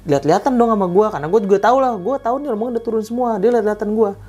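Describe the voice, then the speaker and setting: A man's voice: high-pitched, racing, darkish tone, slightly rough. A young man, casually telling a true spooky hiking story and acting out the quoted dialogue in slang.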